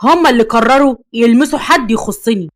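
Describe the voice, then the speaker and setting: A woman voicing a calm, possessive young male vampire in an Egyptian accent. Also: a little high, fast talker, dry recording, clean studio sound, close to an everyday voice. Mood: cold. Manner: cold and calm.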